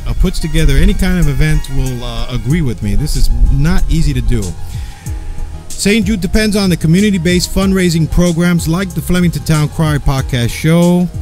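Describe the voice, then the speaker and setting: High-pitched man reading an announcement over music. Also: a little mellow. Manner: halting, informal, stumbles and self-corrects while reading. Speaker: podcast host and event organizer. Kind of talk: press release read aloud with informal asides. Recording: music playing behind the voice. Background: background music.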